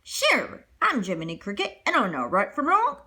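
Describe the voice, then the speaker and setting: A woman's voice: medium pitch, wildly swooping pitch, moderate pace, pushed and bright, husky, pitched below the performer's own voice, full character voice. A woman voicing a tiny, chipper talking cricket, a self-assured and eager guide in a children's storybook. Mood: eager, confident.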